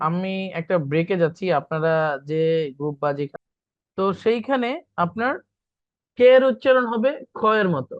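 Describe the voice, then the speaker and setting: A teacher leads an online beginner class, slowly repeating each practice syllable and often slipping English words into the explanation. The call audio sounds dry and muffled, with no room echo. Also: mid-range voice. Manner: repeats drilled syllables, code-mixes English. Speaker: Chinese language teacher. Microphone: video call.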